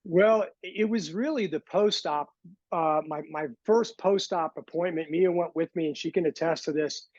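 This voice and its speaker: A man's voice: a little high, normal speed, darkish tone, no echo. A middle-aged man telling his story as a podcast guest in a lighthearted, quirky way. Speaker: podcast guest, former bodybuilder. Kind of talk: casual storytelling interview. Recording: dull lo-fi sound.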